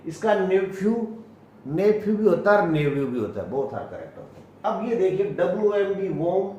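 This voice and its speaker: A man with an Indian accent teaching English pronunciation, spelling out words letter by letter and repeating each one slowly. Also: high voice, very animated, darkish tone, lo-fi sound, a little hiss or hum. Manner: slow and deliberate, repeating each word. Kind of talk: classroom lesson, spelling out words. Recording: echoey room, voice from far off.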